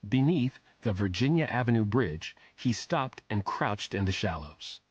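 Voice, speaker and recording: Male audiobook narrator, slightly low and husky, measured thriller reading. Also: no room sound, dull audio. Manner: steady, measured storytelling.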